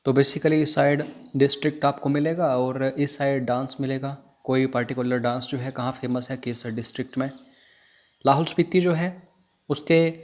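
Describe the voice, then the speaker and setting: A man teaching an exam prep lesson, repeating which facts to memorize. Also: mid-range voice. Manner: repetitive, drilling what to memorize.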